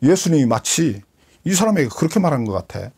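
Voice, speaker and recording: A husky man, a pastor teaching the Bible in a sermon, who asks rhetorical questions and answers them himself. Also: a little high, big pitch swings, fast talker, a little mellow.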